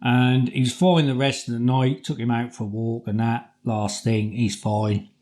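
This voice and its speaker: British man, mellow voice, rambling casual storyteller. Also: medium pitch, level tone. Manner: halting, repetitive, colloquial. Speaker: vlogger.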